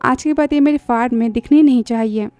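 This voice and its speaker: A stern, protective young CEO, as a woman narrator puts him on for a dubbed drama recap. The voice sits high and mellow and sounds curt and scolding. It is recorded dry and close, with faint music behind. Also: a little fast, no echo, close to an everyday voice.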